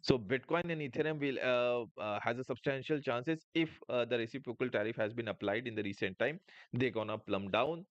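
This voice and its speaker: A man's voice: mid-range voice, a little fast, no echo. Man, live-stream market commentary, lots of uh fillers, muffled lo-fi audio, dry close sound. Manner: explanatory, many filler sounds. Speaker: trading live-stream host.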